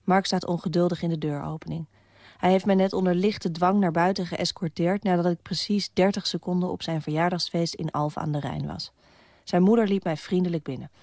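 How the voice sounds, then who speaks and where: A woman's voice: on the low side, fairly even intonation, fairly quick, darkish tone, no echo. Woman, first-person radio narration, wry, matter-of-fact, dry close sound. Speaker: radio columnist.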